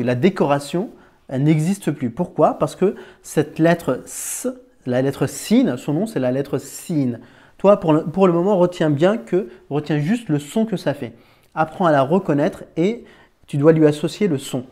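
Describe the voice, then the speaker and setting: A fairly high-pitched, mellow man leads a beginner's Arabic reading lesson. He stays patient and informal, addressing the learner as "tu," repeatedly asking "d'accord?", and slowing down to sound out each syllable.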